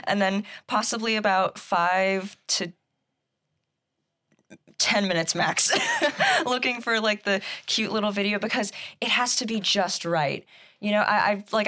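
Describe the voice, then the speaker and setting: A woman's voice: mid-range voice, bright, forceful tone. A young adult woman answering interview questions casually, hesitating with many fillers and often giggling. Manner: halting, full of fillers and giggles. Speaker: student guest.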